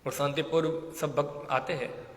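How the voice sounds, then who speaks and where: Male preacher, storytelling sermon, slightly high voice, roomy reverberant hall. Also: unhurried. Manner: lively storyteller, acts out quoted voices, laughs often. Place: temple hall. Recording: echoey hall with long reverb.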